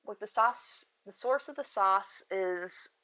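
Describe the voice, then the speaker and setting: Here the streamer takes things slowly, her medium-pitched voice bright and forceful yet soothing. She's chatty and giggly, wandering from topic to topic and greeting viewers in chat by name.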